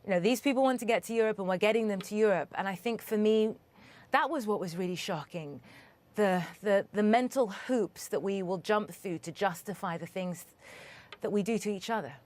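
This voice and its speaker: Answering an interviewer's questions, this Sudanese woman correspondent has a mid-range voice with a darkish tone. She is earnest and measured, frequently beginning her sentences again while she works out her thoughts.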